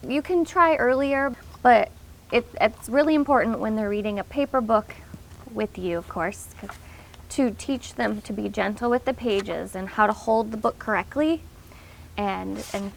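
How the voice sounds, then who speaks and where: A woman's voice: fairly high pitch, unhurried, vocal fry, a little hiss or hum. A woman giving an informal, instructional talk to parents, explaining things in an encouraging way.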